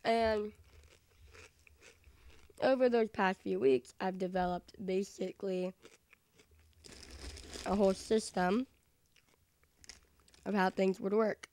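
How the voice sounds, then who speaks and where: A woman's voice: mid-range voice, fairly even intonation, takes it slowly, long pauses, mellow. A woman vlogging casually into a microphone, goofy and rambling with frequent self-interrupting asides. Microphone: desk microphone.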